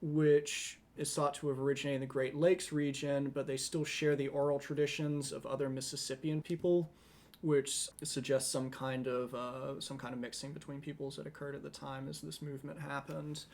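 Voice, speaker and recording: A man co-hosting a podcast, explaining history in a steady, conversational lecturing way with occasional restarts. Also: mid-range voice, moderate pace, gravelly. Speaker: podcast co-host.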